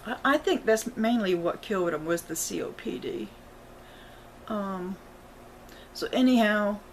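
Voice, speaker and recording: Speaking casually to viewers, this middle-aged vlogger is emotional and close to tears, rambling along with apologies and self-corrections. Her pitch is medium, captured in a rough recording with slight background noise.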